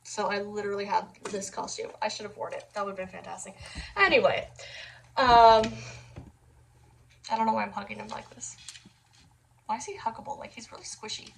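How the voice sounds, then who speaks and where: A woman's voice: medium pitch, a little fast, vocal fry, long pauses, slight background noise, poor audio. A young woman talking casually to camera, rambling and easily sidetracked, laughing often as she chats. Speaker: vlogger.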